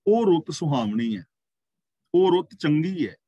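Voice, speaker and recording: A man teaching a scripture class, explaining verses word by word and slowly intoning the quoted lines. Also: on the high side, sing-song, warm tone, no room sound, muffled recording. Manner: explains verse word by word, slow chanted quotations. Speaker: katha teacher. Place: gurdwara class, online. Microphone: video call.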